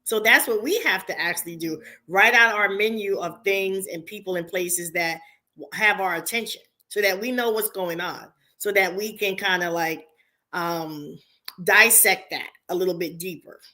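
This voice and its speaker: A middle-aged woman speech therapist, a podcast guest, giving earnest, measured advice in casual conversation. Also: medium pitch, sharp tone.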